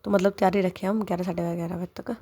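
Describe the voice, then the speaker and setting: A woman voicing a caring young woman who speaks gently and practically. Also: on the low side, steady tone, fast talker, close to an everyday voice. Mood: gentle.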